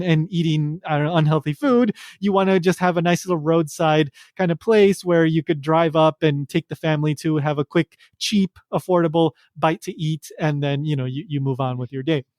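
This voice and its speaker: A man's voice: fairly high pitch, a little mellow, no room sound, clean studio sound. A man hosting a podcast, talking casually and rambling with many fillers and restarts. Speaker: podcast host.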